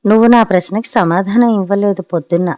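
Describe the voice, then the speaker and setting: A woman's voice: mid-range voice, quick pace, natural voice. A woman voicing an irritable, proud middle-aged husband who needles his wife in a storybook reading. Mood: sarcastic. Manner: sharp and needling.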